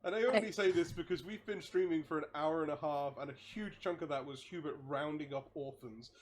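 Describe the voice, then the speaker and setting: Male tabletop player, fairly high voice, casual and searching for words, faint noise behind. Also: brisk. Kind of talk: casual game-table chat.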